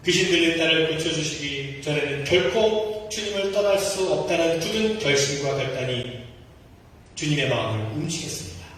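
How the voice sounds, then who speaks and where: A man's voice: on the high side, lively intonation, normal speed, a bit bright, a little hiss or hum. A male pastor delivering a sermon in a church sanctuary, earnest and asking the congregation rhetorical questions. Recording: echoey hall from far off.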